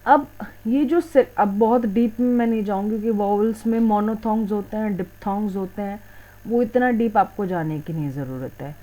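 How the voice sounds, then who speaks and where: A woman's voice: mid-range voice, normal speed, warm tone, poor audio. A woman teaching an English exam lesson, switching between Hindi and English and posing questions she then answers herself. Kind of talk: explaining a lesson.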